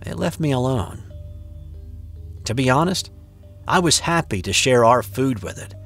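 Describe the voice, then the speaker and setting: Man narrating with a lively, expressive pitch. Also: a little slow. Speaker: host and narrator. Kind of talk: scripted narration of a submitted story. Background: faint background music.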